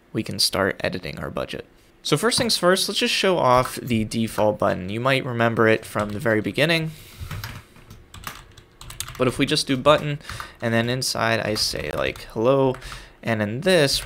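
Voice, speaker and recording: A man's voice: medium pitch, vocal fry, fairly bright tone. A man casually talking through a coding tutorial, thinking aloud as he types and builds an app. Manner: casual, thinking aloud while typing code. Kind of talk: screen-recorded coding tutorial.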